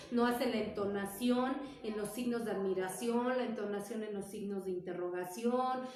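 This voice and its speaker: Teacher in an echoey room. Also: female voice, fairly high pitch, a little mellow. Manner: explains patiently, checks in with "¿sale?". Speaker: primary school teacher. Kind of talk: teaching parents in an informal talk. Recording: echoey room, far from the mic.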